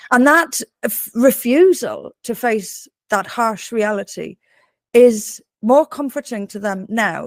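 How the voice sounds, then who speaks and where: A woman from Dublin, Ireland, with an Irish accent speaks earnestly as a guest author in an interview. She is emphatic, restarting and repeating words as she presses her points. Her voice is medium-pitched and creaky, and the recording is dry.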